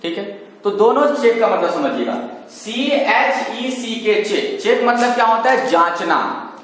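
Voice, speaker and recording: A man teaching a lesson, spelling words letter by letter, reading example sentences slowly and often asking whether his students have understood. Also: high voice, sing-song, a bit bright. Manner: keeps checking understanding with "clear?" and "okay?". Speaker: English teacher. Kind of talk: classroom-style lesson explaining homophones. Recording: echoey room with long reverb.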